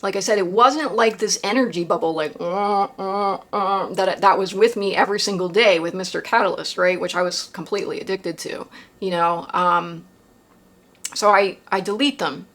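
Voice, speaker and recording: A woman's voice: mid-range voice, moderate pace, a bit bright. A woman vlogger recounting a personal experience in a casual confessional monologue, rambling with lots of fillers and tag questions.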